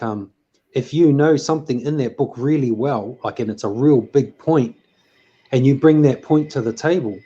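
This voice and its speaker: Rambling man with a dull, dark voice. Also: mid-range voice, breathy edge. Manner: rambling, hesitant, many fillers and restarts. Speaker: host. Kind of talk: casual chat.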